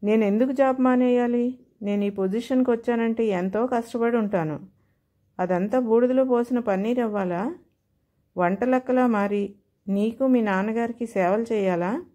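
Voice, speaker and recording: A woman's voice: mid-range voice, normal speed, a little mellow, natural voice. A woman voicing a proud young working wife who argues heatedly with her husband. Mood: indignant. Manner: heated, indignant pleading.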